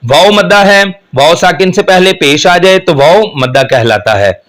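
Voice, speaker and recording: A man teaching Quran recitation in Urdu, who patiently explains the rules step by step and then chants the verses slowly and melodically. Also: high voice, lively intonation, fairly bright tone. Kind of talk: slow step-by-step tajweed lesson.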